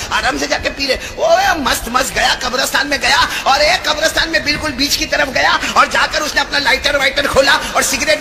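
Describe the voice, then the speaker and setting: A man preaching a storytelling sermon, calling on the crowd to answer and swinging between shouting and hushed, low talk. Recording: noisy recording.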